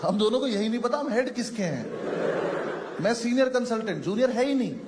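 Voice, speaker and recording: A man's voice: extremely high pitch, lively intonation, brisk, noisy background. A man doing a stand-up comedy set, telling a story and acting out the other people's lines. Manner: storytelling, acts out dialogue, talks to the crowd. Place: comedy club stage.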